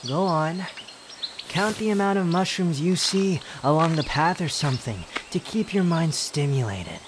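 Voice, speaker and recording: A youthful, immortal male wanderer played by a man with a fairly high voice and a haughty, sardonic bite. He scolds and teases theatrically, as in an intimate roleplay audio drama, over steady outdoor nature sounds with insects. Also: background noise.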